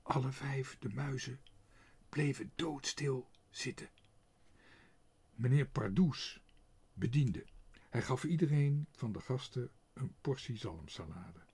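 A man's voice: mid-range voice, breathy edge. Een man met een hese stem die langzaam en expressief een kinderboek voorleest. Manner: slow and expressive. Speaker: reader. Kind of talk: reading a children's book aloud.

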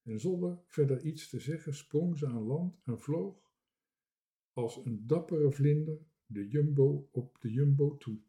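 Male reader for a children's story, slow, warm-toned delivery. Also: on the high side. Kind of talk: reading a children's book aloud.

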